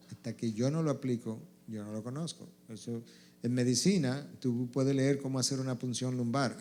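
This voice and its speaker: A man's voice: medium pitch, mellow, slight background noise. A male pastor answering questions at a church event, stressing his points by repeating them. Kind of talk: church Q&A teaching.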